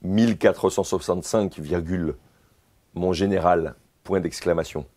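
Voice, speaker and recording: A man's voice: low-pitched, fairly even intonation, unhurried, dark tone. A man playing a candidate in a comic dictation sketch, answering formally and repeating every phrase with its punctuation.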